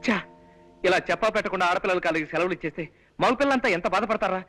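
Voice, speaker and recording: Brief: scheming romantic clown, highish bright voice, quick delivery. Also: male voice. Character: lovestruck comic man chasing a college girl.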